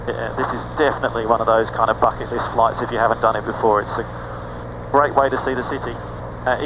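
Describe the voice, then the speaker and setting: A man, a pilot narrating from the cockpit in a relaxed, explanatory way and making radio calls over a headset. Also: mid-range voice. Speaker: pilot and host. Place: small aircraft cockpit in flight. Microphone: aviation headset. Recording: loud engine noise behind. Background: aircraft engine drone.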